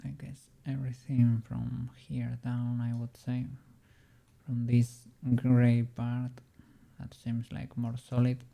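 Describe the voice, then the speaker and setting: A 3D modeling streamer chatting casually on a livestream and muttering quietly to themself while working. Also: medium pitch, completely flat delivery, takes it slowly, creaky, highs cut off.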